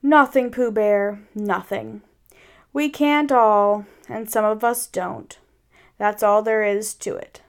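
A woman's voice: medium pitch, slow pace, clean tone. A woman voicing a gloomy, self-pitying old male donkey from a storybook, with a mournful, sighing, sarcastic delivery.

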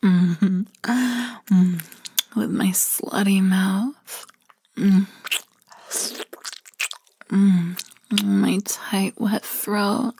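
Slow breathy whispering woman. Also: mid-range voice, fairly even intonation. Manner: soft murmuring whisper with hums and sighs. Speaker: roleplay narrator. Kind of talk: whispered intimate ASMR roleplay.

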